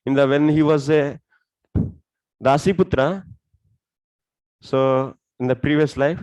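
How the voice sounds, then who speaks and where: A man's voice: on the high side, slow pace, darkish tone, smooth, dry recording. A man with a South Indian accent teaching a religious lesson step by step, often putting questions to his listeners. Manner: explains step by step, asking questions. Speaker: scripture teacher.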